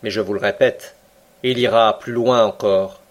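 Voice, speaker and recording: A man reading the lines of a calm, ironic submarine captain in a French audiobook, slow and measured. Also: fairly low pitch, natural voice. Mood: cool, ironic. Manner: cool, measured, slow and deliberate.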